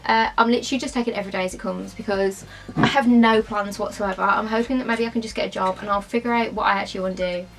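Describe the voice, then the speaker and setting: A woman's voice: mid-range voice, fairly even intonation, fast, background noise. A tipsy young British woman chatting casually and bluntly to camera in an informal question-and-answer style. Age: young adult. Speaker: vlogger.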